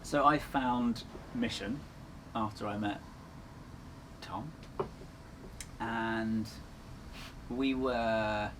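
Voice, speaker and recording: A man's voice: mid-range voice, steady tone, very slow, pauses often. A man chatting casually as an interview guest, speaking in an earnest, reflective way. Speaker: endurance runner, interview guest. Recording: clearly noisy ambient background.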